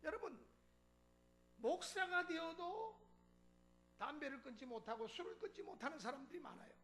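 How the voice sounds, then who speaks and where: A man's voice: very high-pitched, moderate pace. A man preaching a sermon as pastor, telling a story and acting out the dialogue with chuckles. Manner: animated, acts out dialogue, chuckles. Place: church sanctuary.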